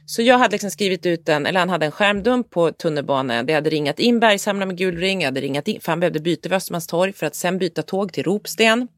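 A woman co-hosting a podcast, a mother who tells stories in an animated way and acts out both sides of each conversation. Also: on the low side, few pauses, no room sound, studio quality. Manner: animated storytelling, acting out conversations. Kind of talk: casual chat among friends.

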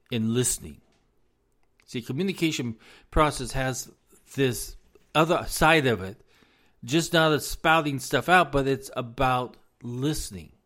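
Speaking to parents about raising children, this man has a medium-pitched, fairly bright voice. His advice is earnest and informal, and he repeats himself for emphasis as his voice starts to give out.

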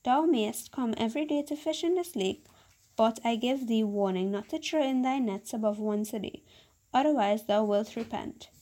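A woman voicing a powerful male genie in a storybook reading, speaking in slow, archaic, solemn phrases. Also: a little high, mellow, natural voice. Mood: commanding. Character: male genie, powerful, pleading then commanding.

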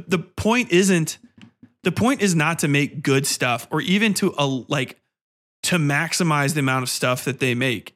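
Fairly high-pitched and fairly bright, a man's voice carries a casual podcast rant. He is the show's host, and his opinions come out sardonic, exasperated and full of profanity.

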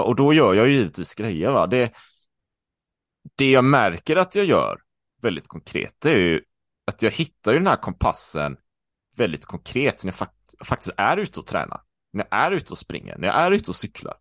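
A man co-hosting a podcast, talking in a loose, casual way with restarts and swearing, growing animated as he tells stories. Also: fairly low pitch, no echo, clean studio sound. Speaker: podcast co-host, coach.

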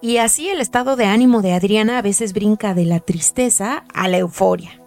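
A woman hosting and narrating a podcast in a calm, measured, explanatory way. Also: medium pitch, faint music behind. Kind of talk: scripted narration.

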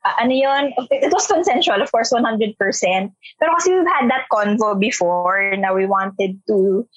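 A woman's voice: medium pitch, normal speed, husky, no echo. A feisty, talkative woman in her twenties from Metro Manila with a Filipino accent, telling stories in casual chat and acting out the voices she quotes. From Metro Manila, Philippines. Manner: animated, switching between Tagalog and English, acts out quoted voices. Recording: dry, slightly muffled recording.

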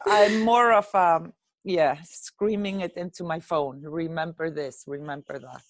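A woman's voice: fairly low pitch, unhurried. A middle-aged woman from Iceland, a film editor, answering interview questions in a thoughtful, hesitant way. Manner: thoughtful, hesitant, fillers and restarts. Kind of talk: casual interview.

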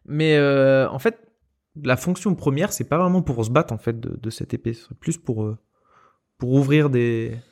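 A man's voice: mid-range voice, normal speed, darkish tone. A man with a Lorraine accent hosting a quiz on a casual podcast, hesitant and full of fillers. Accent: Lorraine French. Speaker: quiz host.

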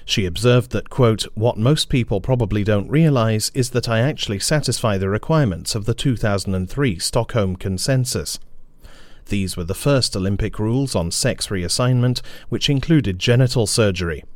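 A man reading a scripted news briefing in a measured, formal newsreader manner. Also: on the low side, no room sound. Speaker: news presenter.

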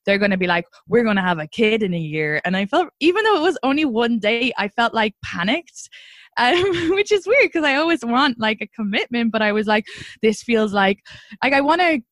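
Thirty-something woman, podcast host, candid and giggly, lively pitch, dry close sound. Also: brisk, no room sound. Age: 30s. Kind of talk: casual chat.

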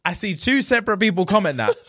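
A man with a London accent bantering casually as a podcast co-host in roadman street slang, animated and sweary. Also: high voice, quick pace.

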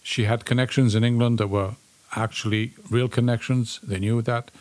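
Man, podcast co-host, middle pitch, short declarative sentences, casual discussion. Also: flat delivery, normal speed, a little mellow.

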